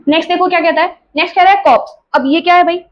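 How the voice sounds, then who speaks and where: A woman's voice: very high voice, fairly even intonation, very fast, dull audio. A woman teacher explaining vocabulary in a patient lesson, asking herself questions and adding tag questions as she goes. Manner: asks herself questions, often adds tag questions. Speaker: English teacher. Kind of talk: explaining vocabulary, mixing Hindi and English.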